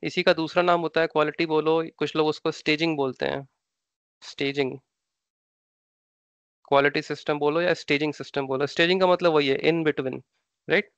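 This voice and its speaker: A man's voice: fairly high pitch, steady tone, normal speed, long pauses, clean tone, dry recording, muffled recording. A man with an Indian accent, an instructor explaining ideas step by step in a live online class, repeating terms and asking rhetorical questions. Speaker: SAP training instructor.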